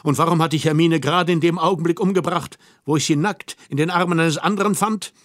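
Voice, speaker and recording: A man narrating a literary audiobook in a measured, reflective first-person telling. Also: on the high side, no room sound, studio quality.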